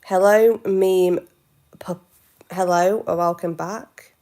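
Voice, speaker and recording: Woman, late twenties, livestream Q&A host, unhurried and lowish, halting self-corrections. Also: fairly even intonation, mellow. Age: 20s. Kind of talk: casual live Q&A chat.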